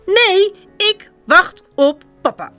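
A woman voicing an eager, stubborn little boy in a children's storybook, in a high, insistent voice. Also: expressive, takes it slowly, sharp tone, soft background music, exaggerated voice.

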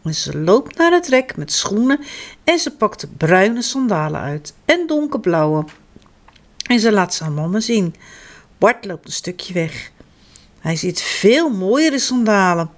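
A woman reading a children's story aloud in a slow, expressive way. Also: medium pitch.

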